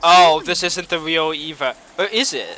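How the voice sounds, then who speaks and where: A man playing and reading a visual novel aloud, breaking off into animated, confused reactions. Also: on the high side, moderate pace, rough recording. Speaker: let's play host. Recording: game music under the voice. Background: game background music.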